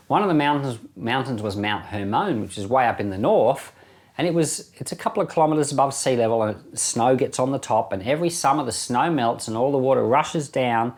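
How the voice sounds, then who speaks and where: Speaking in a medium, darkish voice, this middle-aged man gives casual Bible commentary in his role as pastor and podcast host. He keeps things conversational and leans on repeated phrases to drive points home.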